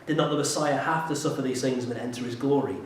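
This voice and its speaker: Man voicing a calm, quietly amused male teacher, low and soft, roomy echo. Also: quick pace, a little hiss or hum, close to an everyday voice. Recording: roomy echo from a distant mic.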